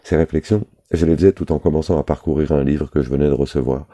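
A man reading a novel aloud in a measured, even storytelling manner. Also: rumbling low. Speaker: audiobook reader.

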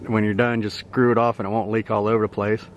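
Fast and fairly low-pitched, with little pitch movement, a young man gives a casual, meandering tour of his riverside camp and chuckles often. This camping vlogger is recorded outdoors on a handheld camera mic, with faint outdoor noise audible.

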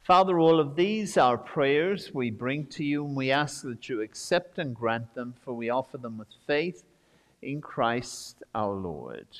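Slow priest under cathedral echo. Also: male voice, medium pitch, expressive. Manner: slow, measured intoning. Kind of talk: liturgical prayer at Mass. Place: large church. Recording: long church reverb.

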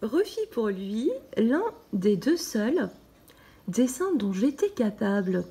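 A woman giving a slow, gentle first-person narration in a soft, partly whispered storybook reading. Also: a little high, very animated, slightly rough. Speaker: storybook reader.

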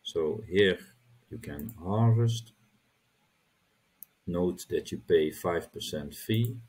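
A middle-aged man hosting a crypto channel, walking through a screen-recorded tutorial and often halting to repeat words as he clicks through the steps. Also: deep voice, a little mellow, breathy edge.

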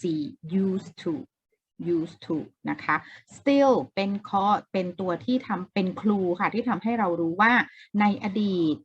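A woman's voice: medium pitch, lively intonation, slow pace, lo-fi sound, slight background noise. A woman teaching an English exam-prep lesson in a casual way, explaining step by step, repeating key words and asking the viewer questions.

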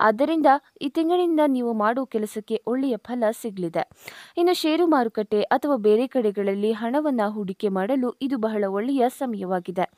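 A woman with a rather high voice reads a scripted astrology forecast in an even, read-aloud manner. The sound is dry and close, with no room echo. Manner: steady, read-aloud delivery addressing viewers. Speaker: astrology channel narrator. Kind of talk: scripted narration.

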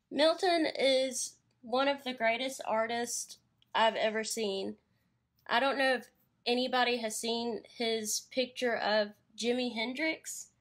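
Slow-talking young woman painter. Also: fairly high pitch, a bit bright. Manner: chatty, rambling, laughs easily. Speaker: painter hosting a live studio stream. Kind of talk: casual live demo and Q&A. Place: her art studio, indoors. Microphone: phone.

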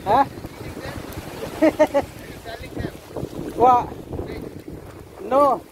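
A man's voice: very high-pitched, extremely slow, noisy background. A man vlogging casually on a rocky seashore, panting and effortful as he climbs, recorded on a handheld camera. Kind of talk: casual vlog narration.

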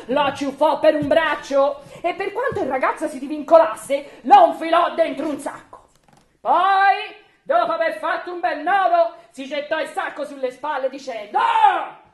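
A woman reading a folk tale aloud at a live evening event, expressive with laughing asides. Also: very high-pitched. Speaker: storyteller. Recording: echoey room.

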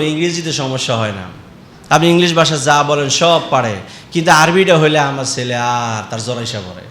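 A man from Comilla preaching a sermon, calling out questions to the crowd and swinging from loud to quiet. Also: on the high side, reverberant, a little hiss or hum. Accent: Comilla Bengali.

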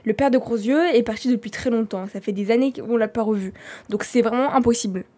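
A French-accented woman with a fairly high voice, streaming a live game role-play. She talks in an animated, dramatic way, jumping between loud and soft. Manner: animated, dramatic, quick swings in loudness.

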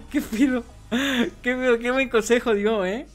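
A live game streamer, chatting with viewers and yelling in frustration at other players during play. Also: mid-range voice, measured pace, soft background music. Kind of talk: live gameplay commentary.

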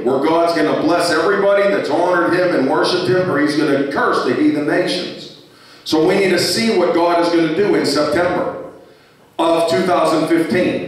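High-voiced male preacher in an echoey hall. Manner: preaching with rising fervor, reading scripture aloud. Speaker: pastor. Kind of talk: sermon. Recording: echoey church hall from far off.

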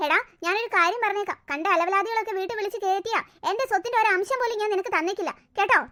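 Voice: very high-pitched, racing, sharp tone. A voice actor playing a scheming, scolding old grandmother in a cartoon story, nagging and sarcastic. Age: older. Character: scheming, scolding old grandmother who hates the adopted boy.

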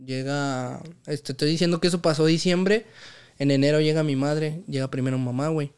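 A man's voice: on the high side, fairly even intonation, normal speed, darkish tone, clean tone. A young man from Mexico City with a chilango accent, casually telling stories as a podcast guest, full of slang and "güey". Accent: Mexico City Spanish. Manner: slangy, says "güey" constantly, acts out quoted voices. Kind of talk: casual storytelling chat.

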